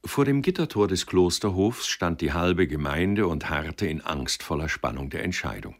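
A man reading a novel aloud in a measured, expressive storytelling manner. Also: low-pitched. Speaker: reader. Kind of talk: literary reading.

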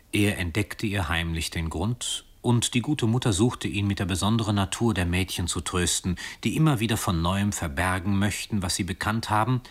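A man reading a literary story aloud in a calm, expressive way with soft, hushed passages. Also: deep voice, slightly rough. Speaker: reader.

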